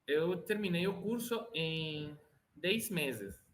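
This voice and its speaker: As a guest in a casual interview chat, a Venezuelan man whose first language is Spanish speaks Portuguese with a Venezuelan accent, hesitating and restarting often as he searches for words. His voice is a little high with lively intonation, and he takes it slowly.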